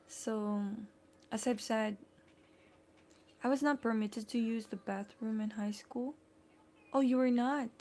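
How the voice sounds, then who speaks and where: A woman from the Philippines, with a Filipino accent and a voice on the high side, hosts a casual live stream from home. She's chatty and full of fillers as she greets viewers by name and thanks them.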